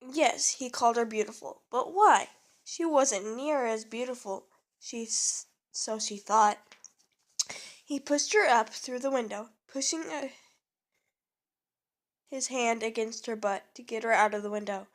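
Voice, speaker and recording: A young woman reading her own story aloud in a slow, halting way, stopping to correct herself and add asides. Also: fairly high pitch.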